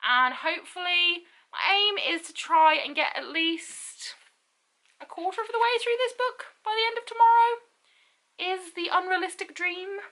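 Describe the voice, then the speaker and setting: A young woman, a book vlogger, chats casually to the camera in a very high, bright, forceful voice at a moderate pace. She rambles, with lots of ums and repeats. She sounds stuffy, sore-throated and lethargic.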